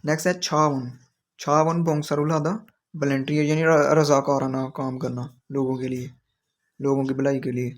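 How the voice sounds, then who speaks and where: Man teaching vocabulary in a monotone. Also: mid-range voice. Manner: explains each word slowly and repeats it. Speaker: Korean language teacher. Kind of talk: explaining vocabulary in a lesson.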